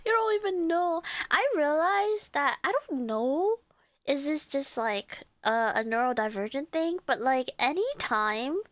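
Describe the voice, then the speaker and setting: High-voiced giddy woman streamer, congested. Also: expressive, unhurried, a bit bright, dry recording. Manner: giddy, rambling, filler-heavy. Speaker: live streamer. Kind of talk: casual live-stream chat.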